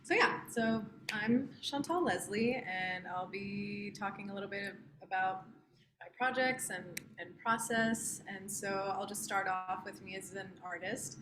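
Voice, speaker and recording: A woman's voice: mid-range voice, a little slow, over music. A woman in her twenties from southern Texas, casually presenting her art on a video call, earnest and full of fillers. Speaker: artist presenting her work. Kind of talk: informal artist talk over video call. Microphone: computer mic on a video call. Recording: echoey room with background noise.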